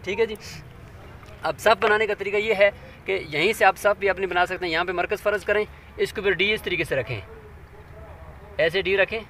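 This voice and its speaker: Patient man teaching step by step, bright high voice. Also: a little fast, long pauses, slight background noise. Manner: patient, step by step, asks checking questions. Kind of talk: hands-on classroom demonstration.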